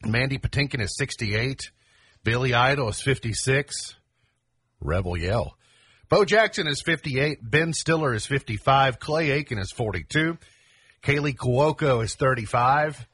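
Male radio co-host, husky, casual banter. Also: mid-range voice, normal speed, fairly bright tone, dry recording. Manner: reads almanac items, then riffs. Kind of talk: casual morning radio chat.

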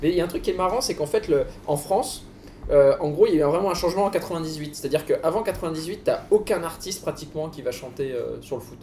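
A man with a slightly high voice talks casually and enthusiastically, explaining as he goes. The room is clearly echoey, with faint noise behind him. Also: expressive, quick pace, warm tone. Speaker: guest author on a football and music show. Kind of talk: casual discussion. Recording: roomy echo, faint background noise.

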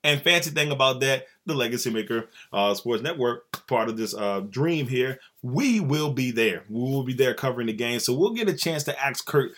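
A man hosts a sports podcast in a relaxed, joking way. His voice is bright and forward. He keeps up an easy banter with his cohost. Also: medium pitch, moderate pace, hardly any pauses, a little hiss or hum. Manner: laid-back, joking, chatty with cohost. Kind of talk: casual sports podcast chat.

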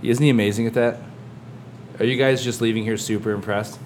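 A man's voice: lowish voice, steady tone, a little fast, darkish tone, slight background noise. A man co-hosting a podcast in casual chat, joking and laughing often as he steers the talk. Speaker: podcast co-host.

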